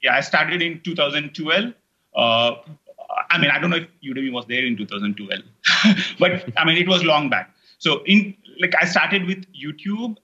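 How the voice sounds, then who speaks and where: A middle-aged guest from India, who creates online courses and natively speaks Telugu, chats casually in Indian-accented English. His slightly high voice is expressive and sharp, at a moderate pace, and he rambles with plenty of fillers and restarts. The audio lacks high frequencies.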